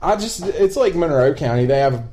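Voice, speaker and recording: A man's voice: fairly high pitch, animated, normal speed, dark tone. A man who works in local TV news, chatting casually with friends, rambling and swearing as he tells stories. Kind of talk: casual chat.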